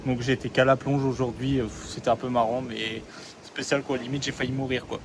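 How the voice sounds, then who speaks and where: A young man from France records a casual phone vlog outdoors, rambling through his day with constant fillers and slang. His pitch sits in the middle range for a man. Traffic and city sounds are clearly heard behind him. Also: flat delivery, brisk. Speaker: vlogger. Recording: phone vlog with street noise.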